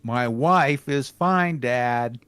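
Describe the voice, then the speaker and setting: A man voicing a flustered adult son in a comedic fanfiction reading, with hurried, matter-of-fact lines. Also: medium pitch, a bit bright, clear, resonant tone, no echo, voice pushed down.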